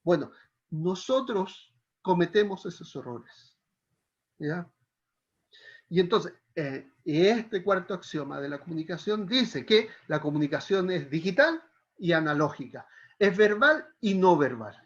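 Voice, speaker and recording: A man with a high voice leads a Bible counseling lesson, laying out each point slowly and checking in with the class again and again. The recording is dull and lo-fi, as from a classroom. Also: lively intonation, fairly bright tone. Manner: explains step by step, asks the class "¿ya?" often. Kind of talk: classroom lecture.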